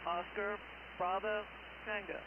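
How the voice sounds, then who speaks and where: A man on a ham radio contact, talking slowly and plainly, his voice coming through a radio with static. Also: high-pitched, flat delivery. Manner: slow, plain-spoken, spells out call signs. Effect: heard over a ham radio with static. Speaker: ham radio operator calling in. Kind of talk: casual on-air radio contact. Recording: muffled radio signal with loud static.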